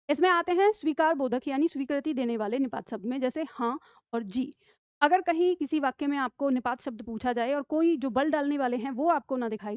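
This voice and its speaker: Woman teacher, high voice, patient step-by-step grammar explanations, slow dictation; dull, dry recording. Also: darkish tone, no room sound. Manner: explains step by step, often asks "ठीक है?"; dictates example sentences slowly. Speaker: Hindi teacher. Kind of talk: classroom grammar lesson. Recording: dull lo-fi dry room sound.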